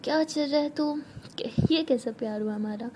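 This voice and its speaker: A woman voicing an affectionate, protective young woman in a spoken love story, often soft and hushed. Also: sits high, normal speed, background noise, lightly acted. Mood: tender.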